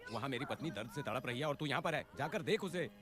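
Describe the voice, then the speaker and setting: A man's voice: medium pitch, animated, quick pace, heavy background noise, lightly acted. A man dubbing a village husband worried about his wife in labour. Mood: urgent. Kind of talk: Hindi film dub. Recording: loud film score behind voice.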